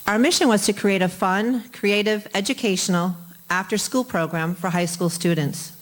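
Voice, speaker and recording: A young woman from the United States, a nursing student presenting a prepared talk in a measured, formal way. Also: mid-range voice, poor audio. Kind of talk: reading a prepared group presentation.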